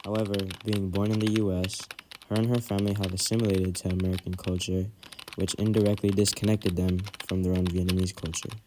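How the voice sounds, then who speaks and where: A man reading scripted documentary narration in an even, read-aloud delivery. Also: low voice, a little fast, noisy background.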